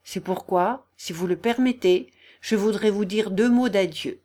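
A woman reading an audiobook, voicing a dying young man who speaks quietly, hoarse and weary. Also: mid-range voice, a little slow, natural voice. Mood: weary calm. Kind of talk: audiobook character voice.

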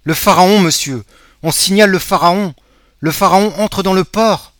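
A man reading aloud, voicing a young male clerk overcome with excitement in a storybook. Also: sits high, measured pace, dry recording, clean studio sound, pitched above the performer's own voice. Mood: excited.

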